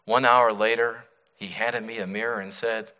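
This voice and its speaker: A man voicing a suffering clay teacup that pleads and cries out in high, strained bursts. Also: level tone, normal speed, bright, forceful tone, clean tone, long reverb tail. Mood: pleading, anguished.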